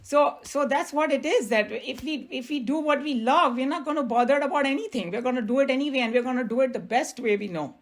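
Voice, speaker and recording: A woman with an Indian accent explains scripture in a spirited discussion, animated and quick to laugh. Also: sits high. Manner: animated, laughing, mixes in Hindi phrases.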